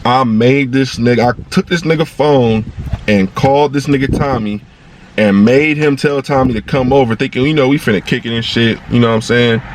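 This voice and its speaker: A young man recounts a story straight to camera in a loose, profane street-slang ramble. His voice sits at an average pitch and jumps high whenever the tension rises. A faint hiss runs underneath. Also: moderate pace. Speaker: vlogger telling a personal story. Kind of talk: casual storytime monologue.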